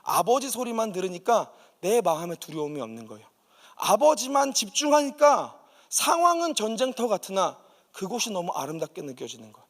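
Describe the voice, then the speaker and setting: A man's voice: sits high, very animated, moderate pace, long reverb tail. A man preaching in a church, telling a personal testimony with vivid, emphatic storytelling. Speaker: guest pastor. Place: church sanctuary.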